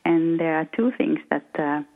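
Finnish-accented woman, middle-aged, lowish voice, hesitant interview guest, phone-line sound. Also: normal speed. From Finland. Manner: hesitant, many fillers and restarts. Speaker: guest financial coach. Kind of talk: casual interview talk.

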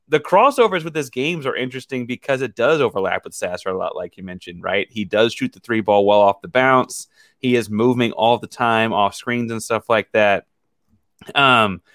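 A man's voice: mid-range voice, normal speed, fairly bright tone, no room sound, clean studio sound. A man giving casual, discursive sports analysis as a podcast guest in a conversational way.

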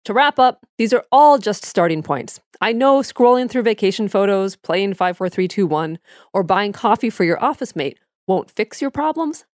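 A woman's voice: mid-range voice, lively intonation, normal speed, no room sound, clean studio sound. A woman hosting an advice show, reading scripted practical tips in a conversational, explanatory manner. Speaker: podcast host giving psychology advice.

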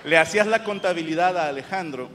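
Mexican comic with a high voice, teasing and crude, working the crowd in a reverberant live venue with audience noise. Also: male voice, fast, a bit bright. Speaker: comedian interviewing audience members. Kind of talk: crowd-work comedy interview.

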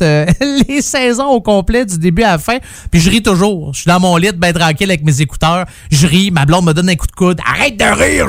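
A man hosts a rock radio show, talking in a loose, joking, rambling way full of fillers. His voice sits high for a man. It is recorded dry and close on a studio mic. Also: no room sound. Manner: chatty, jokey, rambling with many fillers. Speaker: morning radio host. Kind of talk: casual radio show patter.

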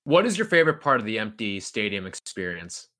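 A man's voice: fairly low pitch, sing-song, brisk, sharp tone. A man co-hosting a sports podcast who thinks aloud as he frames his questions. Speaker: podcast co-host. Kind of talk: casual podcast chat.

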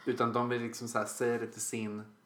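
A woman's voice: a bass voice, level tone, a bit bright. A young woman, venting casually about customers in an exasperated way. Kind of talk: casual chat. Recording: echoey room.

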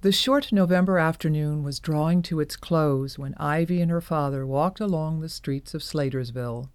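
A woman narrating an audio drama in a measured storytelling manner. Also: low voice, darkish tone, smooth, dry recording.

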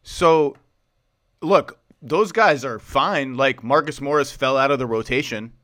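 A man's voice: mid-range voice, measured pace, no echo, clean studio sound. Tired, rambling male podcast host. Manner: animated, rambling, asks long questions. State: tired, short on sleep. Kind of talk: casual basketball podcast talk.

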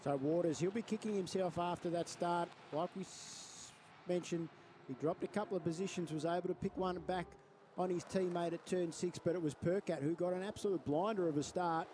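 A man's voice: high voice, a little fast, warm tone. A man giving analytical live motorsport commentary, explaining moves conversationally as the second voice in the box. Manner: explains moves conversationally, restating and correcting himself. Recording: clear engine and trackside noise behind. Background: race cars, outdoor circuit ambience.

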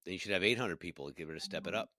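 Male podcast co-host, lowish dry voice, teasing and encouraging. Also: rapid-fire, bright, forceful tone, dry recording. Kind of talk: casual chat.

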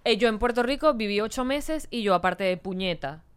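A woman with a Venezuelan accent, a podcast guest telling animated anecdotes in casual chat. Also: a little high, brisk, smooth.

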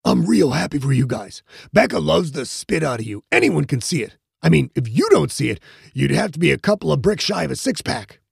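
A man voicing a crass, dim-witted young football player who talks loudly and crudely. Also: a little high, very animated, fairly quick, vocal fry, slightly rough, no echo, studio quality, heavily acted. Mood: crude goofy. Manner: loud, crude, rambling.

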